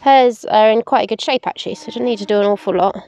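A woman's voice: mid-range voice, fast talker, darkish tone, dry recording. A young woman in her twenties, a livestock keeper from England, casually explaining goat hoof trimming as she works, with plenty of ums, recorded outdoors and in a large farm barn. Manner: practical, explains while working, frequent "um".

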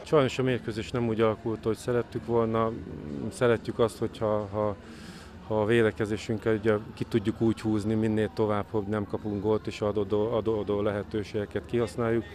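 A man in his forties, a football coach, speaking haltingly in a post-match interview. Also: lowish voice, level tone, a little mellow. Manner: halting, searching for words. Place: outdoors by athletics track. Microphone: handheld interview microphone. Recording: outdoor interview, crowd noise behind.

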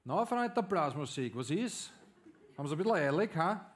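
A man voicing a vengeful male traffic cop with an Austrian accent, speaking in a low, grim, threatening mutter. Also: very animated, normal speed. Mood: mocking.

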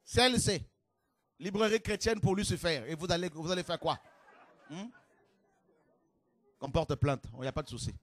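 A man preaching a fiery sermon to a congregation, with shouted exclamations and rhetorical questions. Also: a little high, normal speed, long pauses.

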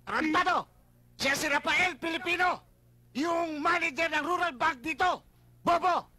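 Loud bossy police chief, high bright voice, kinda husky, slapstick comedy. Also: male voice, sing-song, a little fast, exaggerated voice. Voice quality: shouty, insulting.

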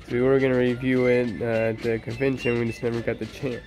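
A man's voice: medium pitch, little pitch movement, fast talker, music in the background. A young man, chatting casually and upbeat to his phone camera at arm's length outdoors, rambling with lots of fillers. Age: 20s. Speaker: vlogger. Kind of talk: casual vlog chat. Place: outdoors beside a house, and a kitchen. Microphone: handheld phone camera at arm's length. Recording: noisy outdoor phone recording.

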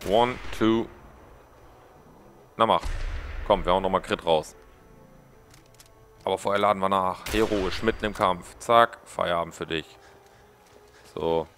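Male let's play host, gravelly, cracks jokes at the game's characters. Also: low voice, unhurried, pauses often, fairly bright tone, soft background music. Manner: joking, mocking game characters. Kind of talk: casual gameplay commentary.

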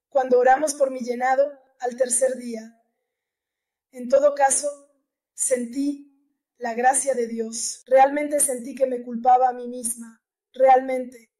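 High, flat-voiced woman giving testimony. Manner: earnest, repeats key phrases. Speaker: church testimony giver. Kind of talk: personal religious testimony.

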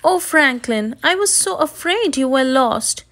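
A woman voicing a gentle, reassuring storybook mother turtle, soothing and attentive. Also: high-pitched, lively intonation, measured pace, voice pushed up. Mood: caring.

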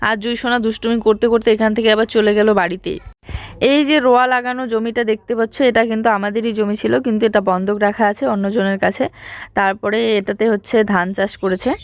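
A young woman, narrating her family vlog to viewers in a relaxed, casual way. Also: mid-range voice, fast, no room sound. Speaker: family vlogger and mother.

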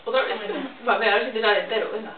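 High-voiced woman on tinny, echoey recording. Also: fairly even intonation, racing. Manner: bossy, giving repeated instructions. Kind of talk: casual excited chat with friends. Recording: tinny, echoey, distant, noisy home recording.

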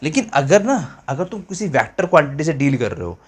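A man's voice: a little high, very animated, a little fast, slight background noise. A man teaching a basic physics lesson in a casual, chatty way, repeating points often and mixing English phrases into Hindi. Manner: chatty, repeats himself, mixes English phrases, calls viewers children.

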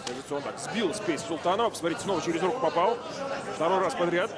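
A man's voice: on the high side, quick pace. A man giving live sports commentary as the lead commentator on a fight. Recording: loud crowd and music behind. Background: noisy arena crowd and music.

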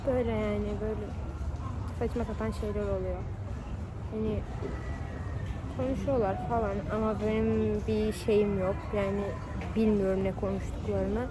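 A young woman vlogging on her phone outdoors and in a cafe, chatting casually and swinging between giddy teasing and low grumbling complaints. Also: little pitch movement, moderate pace, pauses often, background noise. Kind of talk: casual vlog chat. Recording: loud background music. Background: music playing.

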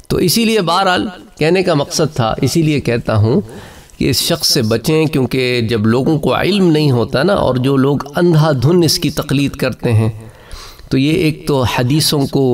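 A man giving an Islamic religious lecture, explaining points in a conversational way and addressing listeners as brother. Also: mid-range voice. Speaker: Islamic preacher.

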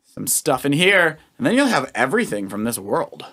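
A probably middle-aged father co-hosts a children's let's play, giving casual gameplay commentary and explaining moves like an advising coach. His mid-range voice is sing-song, pushed and bright with a breathy edge, at a moderate pace. The studio-quality sound has no room tone, with video game music behind him.

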